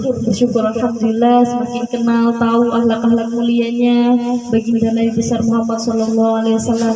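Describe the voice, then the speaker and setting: A woman's voice: a little high, dark tone. A woman giving a chatty religious talk with stories and chanted prayers, speaking. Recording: echoey and distant, music behind.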